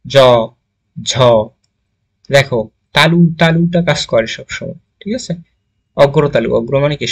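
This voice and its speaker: Question-asking male grammar teacher. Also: mid-range voice. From Bangladesh. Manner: asks questions and answers them himself, checks in with "okay?"; sounds out letters slowly one by one. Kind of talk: classroom grammar lesson.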